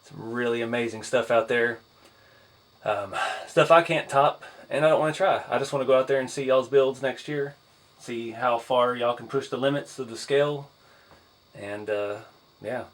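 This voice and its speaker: A tired man who is losing his voice, hosting a casual one-take haul vlog in an easygoing, rambling way with frequent pauses and "uh"s. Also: mid-range voice. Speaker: hobby channel host.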